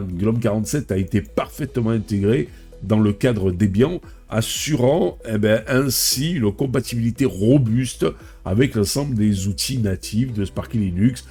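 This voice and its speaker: This man hosts a tech video while stuffed up with a head cold, reading a news script and then tossing in chatty personal remarks. His voice is medium in pitch, warm, and husky.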